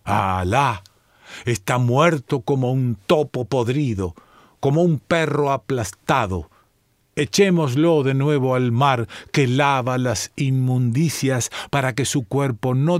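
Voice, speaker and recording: A man's voice: mid-range voice, takes it slowly, no room sound, studio quality, lightly acted. A man voicing old village elder men in a storybook reading, solemn and grave. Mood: scornful.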